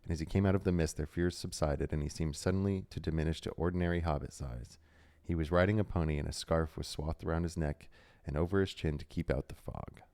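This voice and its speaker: Deep, smooth-voiced man reading aloud. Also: quick pace. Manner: steady storybook reading with casual asides. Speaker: book club host. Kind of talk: reading a novel aloud on a livestream.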